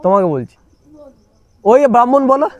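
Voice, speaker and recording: A man's voice: very high voice, very animated, brisk, highs cut off. A man teaching a spiritual class, coaxing listeners again and again to speak up and answer. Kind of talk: leading a spiritual class with questions.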